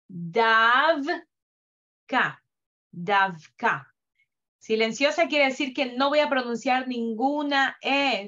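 A woman teaching Hebrew reading in a live class, slowly drawing out sounds to demonstrate them with patience. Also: a little high, a bit bright. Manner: patient, drawn-out demonstrative pronunciation. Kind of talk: slow online reading lesson. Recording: dull lo-fi audio.

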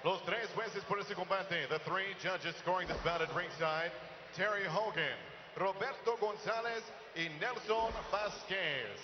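A man announces fights in the ring in a high-pitched voice, switching between Spanish and English. He stretches names like a showy lucha libre announcer. The sound echoes through a noisy arena and is slightly dull. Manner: booming showman delivery with drawn-out names, like a lucha libre announcer. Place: boxing ring in an indoor arena. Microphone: handheld microphone.

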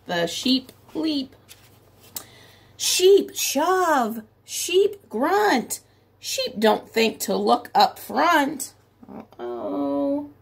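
A middle-aged preschool teacher reads a picture book aloud to young children in a small room at home, indoors by a window. Her voice sits high with vocal fry, and she reads slowly, drawing out story phrases expressively and adding simple explanatory asides.

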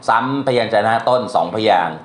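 A man's voice: medium pitch, lively intonation, brisk, a bit bright. A man teaching a translation class in a casual, chatty way, often quizzing his students with questions. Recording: echoey room with faint noise.

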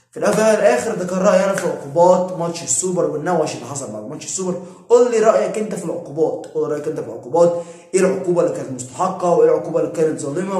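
Man, Egyptian accent, rapid-fire argumentative talk, echoey room. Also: fairly high pitch, darkish tone. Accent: Egyptian Arabic. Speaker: football commentator and channel host. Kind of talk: casual opinion vlog.

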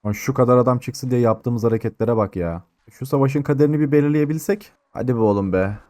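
A man narrates his strategy game in casual commentary, flaring up and yelling orders at his troops between calmer stretches. His voice sits at an ordinary middle pitch, heard close and dry with no room around it. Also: quick pace, no echo. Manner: excitable, swears at his troops, shouts orders. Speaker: gaming YouTuber.

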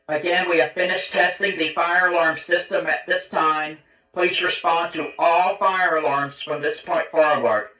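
A man speaks over a building's public address loudspeaker in a formal, polite announcement. His voice is bright and slightly high for a man, and it echoes through a large room from a distance. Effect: heard over a public address loudspeaker. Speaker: announcer on the building paging system.

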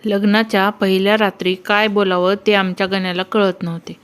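A woman's voice: medium pitch, level tone, a little fast, clear, resonant tone. A woman reading out a string of short jokes, acting out each character's line in turn. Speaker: joke reader. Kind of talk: reading Marathi jokes aloud.

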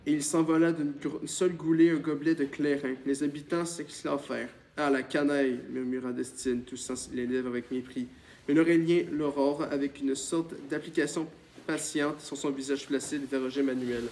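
A man reading a novel aloud as an audiobook narrator, in a steady, measured voice. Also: fairly high pitch. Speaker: audiobook reader. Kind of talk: scripted narration. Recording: noisy with clicks.

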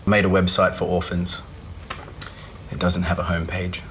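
A man's voice: sits low, little pitch movement, moderate pace, creaky, background noise. A man in his thirties telling dad jokes, each a set-up question followed by a punchline. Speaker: joke teller in a dad-joke challenge.

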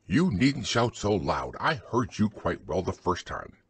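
A man voicing a fussy, cautious rabbit in a prim, high-pitched manner. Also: sing-song, measured pace, fairly bright tone, breathy edge, heavily acted. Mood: evasive.

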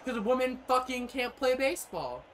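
A young man giving casual, profane commentary on his own gameplay from a small room, rambling and often breaking into loud yells. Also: extremely high pitch, sing-song, a little fast, a crowd in the background. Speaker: gaming streamer.

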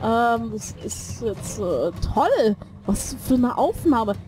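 A very animated woman with a slightly high voice takes her time commenting on an online game, though the audio is poor. Somewhat sick and short of breath, she rambles, corrects herself and throws in jokes. She's recording on a desk mic in a new room with loud game music underneath.

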